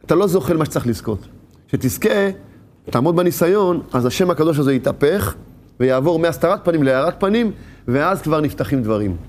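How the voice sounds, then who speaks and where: High-voiced man teaching a Torah lesson. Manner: animated, rhetorical questions, bursts of raised voice. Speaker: religious teacher.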